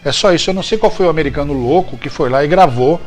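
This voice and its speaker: With faint music underneath, a Brazilian show host talks fast in a higher-pitched voice. His TV-trivia commentary is casual, chatty and jokey, and he often corrects himself.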